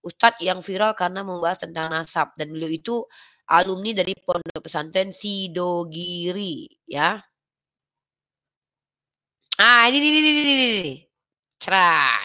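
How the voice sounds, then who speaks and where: Bright, animated woman livestreaming. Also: fairly low pitch. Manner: animated, quotes others in acted voices. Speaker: live streamer commenting on religious controversy. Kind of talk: casual livestream talk.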